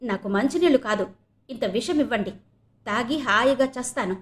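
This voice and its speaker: Lady doing an angry mom in an audio novel, shrill and high, yelling at her husband. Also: normal speed, natural voice. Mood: furious. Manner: shrill, outraged, dramatic. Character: furious middle-aged mother shouting at her husband. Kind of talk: audiobook character reading.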